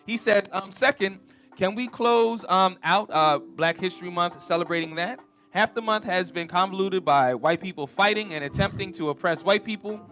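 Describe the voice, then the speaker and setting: A man hosts a casual panel talk show with a high voice. He reads viewer comments aloud, stalling often on fillers. Faint music plays behind him. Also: normal speed, pushed and bright. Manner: hesitant, many fillers. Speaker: host.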